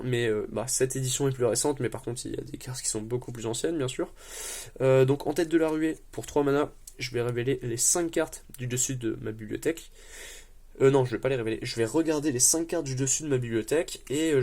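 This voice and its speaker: A man's voice: mid-range voice, darkish tone. A man presenting a card game deck in a casual way, explaining card by card, paraphrasing the rules text, with easygoing, light self-mocking asides.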